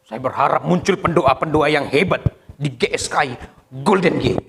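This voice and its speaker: A middle-aged man, a pastor telling a personal story in a sermon, swinging between hushed and loud delivery. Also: on the high side, normal speed, gravelly, noisy background.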